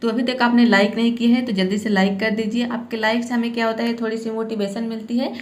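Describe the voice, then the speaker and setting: A woman teaching English pronunciation rules step by step, often adding a quick "theek hai" to check in. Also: on the high side, level tone, echoey room, slight background noise. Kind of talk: spoken phonics lesson.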